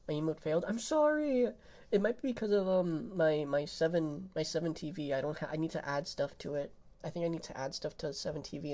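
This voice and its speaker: A man's voice: a little high, a little mellow. A man chatting casually on a live stream, giggly and self-mocking as he tests out voices.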